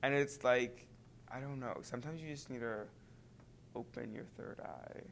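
A man's voice: mid-range voice, moderate pace, vocal fry, a bit bright, slight background noise. A teenage boy chatting casually, rambling and hesitant with lots of fillers. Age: teens. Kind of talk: casual chat.

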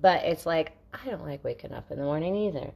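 Low-voiced woman venting casually. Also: lively intonation, fast, creaky, darkish tone, husky. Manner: blunt, venting, swears freely. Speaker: podcast co-host. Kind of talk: casual chat.

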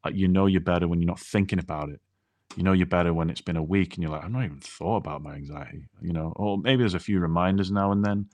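A man's voice: deep voice, steady tone, quick pace, a little mellow, no room sound. A man co-hosting a podcast, talking through his own experience in a reflective, casual way with frequent restarts. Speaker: podcast co-host.

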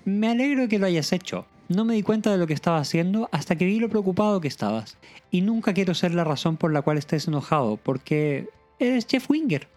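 A man's voice: sits high, sing-song, fairly quick, darkish tone, soft background music, pitched above the performer's own voice. A man voicing an eager, adoring young woman while retelling a TV comedy episode.

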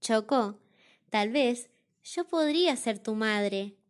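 An Argentine woman voicing a kind, motherly female bear in a storybook reading, warm and gently teasing. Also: fairly high pitch, expressive, slow pace. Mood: tender. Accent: Argentine Spanish. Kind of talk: storybook read-aloud.

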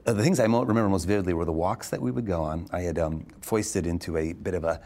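Fielding interview questions, this Arizona venture capitalist talks fast and animatedly, frequently cutting himself off to start over. He has a low-pitched voice.

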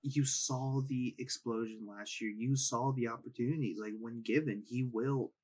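A man's voice: medium pitch, steady tone, normal speed, a little mellow. A man co-hosting a fantasy football podcast, chatting casually, hedging his takes and putting questions to his co-host. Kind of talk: casual chat.

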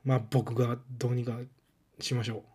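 A man with a Kansai accent hosting a podcast in a casual solo talk, his voice held low and strained from a lingering cough, speaking gently with many soft fillers in a makeshift room instead of his usual studio. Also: flat delivery, moderate pace, breathy edge. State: strained, lowered voice from a cough illness. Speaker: podcast host.

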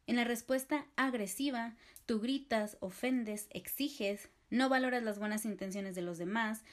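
A woman giving an instructional talk, explaining things clearly and acting out short sample replies. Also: fairly high pitch. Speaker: presenter explaining assertive communication.

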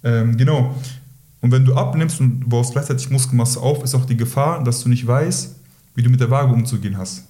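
A weight-loss coach speaks directly and instructively in a casual podcast conversation, often ending his points with a short "so." His mid-range, dark-toned voice moves a little fast, and the recording has a roomy echo.

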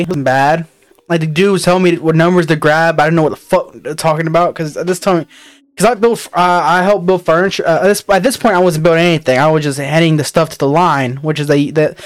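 A young man hosting a podcast chats casually with friends, rambling, restarting sentences and swearing freely as he tells work stories. His voice is a little high and clean, with no room sound.

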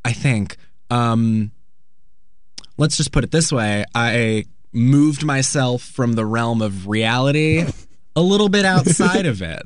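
A man's voice: mid-range voice, lively intonation, slow pace, no room sound, studio quality. A young man in casual, bantering chat, telling stories dramatically and quoting himself. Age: young adult.

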